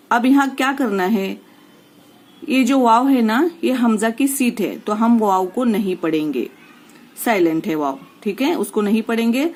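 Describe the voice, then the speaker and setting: Woman as patient reading teacher, slow drills, a bit high-pitched. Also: darkish tone, rough recording. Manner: patient, repeats rules and drills syllables slowly. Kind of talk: slow spoken lesson with drawn-out recitation.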